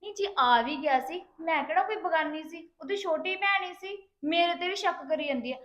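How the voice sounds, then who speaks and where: Woman playing a high, defensive younger sister. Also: a little fast, fairly bright tone, reverberant. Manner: defensive, chatty, complaining.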